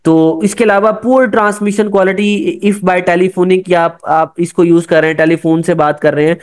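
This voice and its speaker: A man's voice: high voice, fairly even intonation, moderate pace, smooth. A man giving an explanatory safety lecture, working through points step by step and mixing English technical terms into his talk. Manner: checks in with frequent "alright". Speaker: safety course instructor.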